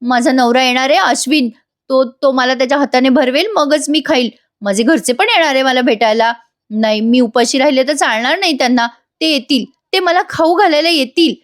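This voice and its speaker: A woman voicing a stubborn, desperate young woman prisoner who talks in an insistent, shrill way. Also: normal speed, lightly acted.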